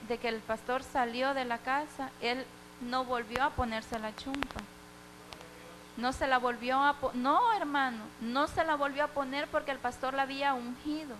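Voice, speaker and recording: Woman, high pitch, heartfelt testimony, storytelling. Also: fairly bright tone, slight background noise, poor audio. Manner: heartfelt storytelling, acting out the dialogue. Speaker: church member giving testimony. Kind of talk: church testimony.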